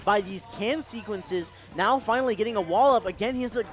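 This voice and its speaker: A man giving live color commentary on a fighting-game match, steady and analytical with emphatic points. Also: sits high, fairly quick, soft background music. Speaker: esports co-commentator.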